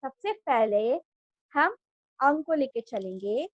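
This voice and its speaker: A woman teacher explaining grammar to children, patient and repeating each word slowly for them to copy. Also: high voice, sing-song, dry recording, highs cut off. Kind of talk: Hindi grammar lesson for children.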